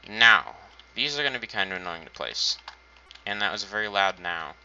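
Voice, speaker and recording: Low, sharp-toned man narrating his gameplay. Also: animated, a little fast, slight background noise. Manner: thinks aloud while building, dry self-mocking asides. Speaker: gaming channel host. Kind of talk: casual let's-play commentary. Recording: dull lo-fi home recording.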